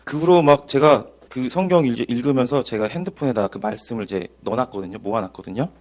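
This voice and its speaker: A man in his thirties, an evangelist, giving an earnest, animated Bible lecture that mixes in his personal testimony. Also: mid-range voice, fast.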